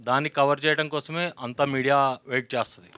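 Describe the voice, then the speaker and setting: Fast, bright reporter. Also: male voice, medium pitch, fairly even intonation, clean tone, dry recording. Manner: persistent, pressing questions. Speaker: journalist. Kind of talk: press conference questioning.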